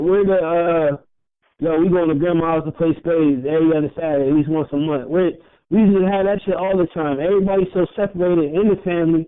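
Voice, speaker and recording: A young man with a high voice rambles through a casual podcast chat, swearing freely and breaking into laughs between thoughts. The audio is thin and tinny, like a phone line. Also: clear, resonant tone. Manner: rambling, profane, laughs often. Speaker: podcast co-host.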